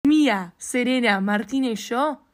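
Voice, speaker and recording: A young woman with a Uruguayan accent chats casually with a friend. Her voice sits a little above average, and her delivery is animated as she tosses out playful questions. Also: on the high side, unhurried. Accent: Uruguayan Spanish. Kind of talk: casual chat.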